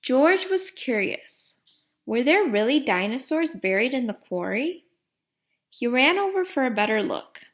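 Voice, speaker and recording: A woman with a high voice reads a children's storybook aloud as a teacher would, deliberately, asking questions of her young listeners. She is very animated.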